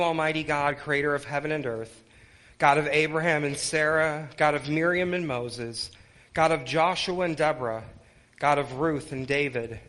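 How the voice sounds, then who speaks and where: A man speaking as a pastor leading worship, with solemn, measured phrasing in short clauses, in a sermon and liturgical style. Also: fairly high pitch, a bit bright. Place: church worship service.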